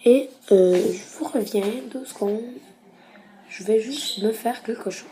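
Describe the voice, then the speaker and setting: A woman giving casual gameplay commentary, hesitant and full of filler pauses. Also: medium pitch. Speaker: gamer. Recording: loud background noise, mouse clicks.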